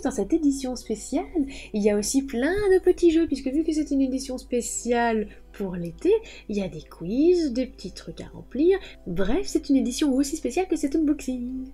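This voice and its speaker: A thirty-year-old woman, a book reviewer, chatting enthusiastically while unboxing parcels. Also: fairly high pitch. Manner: chatty and enthusiastic, often says "justement" and "effectivement". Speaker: book reviewer and channel host. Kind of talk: casual unboxing chat.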